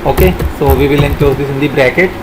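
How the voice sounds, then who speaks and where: A man narrating a software tutorial as an instructor, haltingly dictating code and formulas piece by piece. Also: mid-range voice, noisy background.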